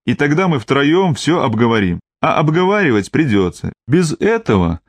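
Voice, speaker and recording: A man's voice: mid-range voice, very animated, normal speed, no room sound, pitched above the performer's own voice. Male narrator doing a cold sardonic tough guy, mocking and dry, for an audiobook; close dry sound. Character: cool, sardonic man, wary and hard.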